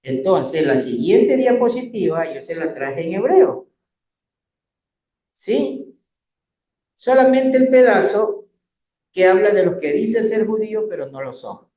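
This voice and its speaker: Slow, explaining male Bible teacher, roomy sound. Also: high-pitched, lively intonation, dark tone. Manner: slow and explanatory, keeps checking with "¿no?" and "¿ok?". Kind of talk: Bible study lesson with slides.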